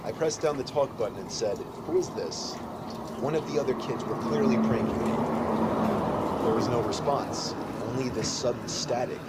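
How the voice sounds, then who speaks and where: A man reading a scripted horror story in an even, measured way. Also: mid-range voice. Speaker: narrator. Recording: loud background noise. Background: loud noise.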